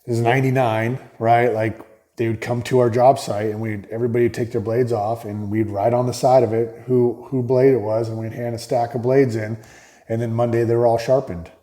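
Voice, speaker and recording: A man hosts a relaxed conversation with a tradesman, his voice mellow and dark. He rambles through stories, restarts his sentences and tacks on little tag questions. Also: medium pitch, a little fast. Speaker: host, builder. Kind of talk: casual interview chat.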